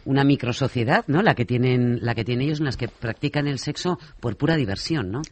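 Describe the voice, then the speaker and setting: A man's voice: medium pitch, fairly quick. Male radio host asking questions. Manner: conversational, prompting guests with questions. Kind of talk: radio interview. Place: radio studio.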